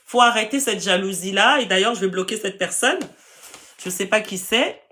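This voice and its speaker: A woman's voice: mid-range voice, normal speed, pushed and bright. A woman with a Parisian French accent, hosting a live stream to sell land and answering viewer comments in a direct, firm way. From France.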